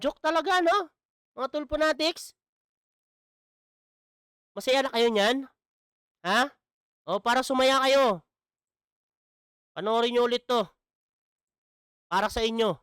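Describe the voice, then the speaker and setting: A man's voice: extremely high pitch, lively intonation, slow, long pauses, fairly bright tone, smooth, no room sound, studio quality. A man commenting in a casual vlog, mocking and asking "di ba?" again and again. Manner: mocking, repeats "di ba?". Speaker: vlogger.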